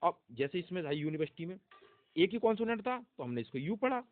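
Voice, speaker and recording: A man's voice: high-pitched, sing-song, fast. A man teaching an English pronunciation lesson, repeating each rule several times and quizzing the viewer with questions. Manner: repetitive, drilling rules and asking questions to the viewer. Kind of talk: grammar lesson. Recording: tinny phone-like sound.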